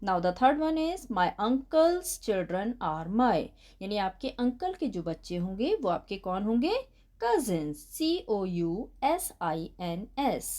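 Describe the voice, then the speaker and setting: A woman teacher with an Indian accent explaining a children's lesson, dictating English slowly and explaining quickly in Hindi, spelling words letter by letter and addressing the children as 'beta'. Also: mid-range voice, big pitch swings, a little mellow. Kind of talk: bilingual classroom lesson explaining answers.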